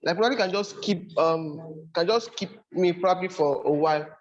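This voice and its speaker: A man, halting and apologetic, speaking on a video call. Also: sits high, a little hiss or hum. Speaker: mentee. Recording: dull lo-fi call audio.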